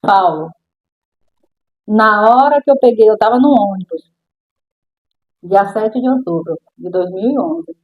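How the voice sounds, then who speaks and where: A woman's voice: medium pitch, expressive, unhurried, pauses often, husky, lo-fi sound. A middle-aged woman with a Brazilian accent, a guest sharing her personal testimony in an interview and acting out the voices of the people in her story.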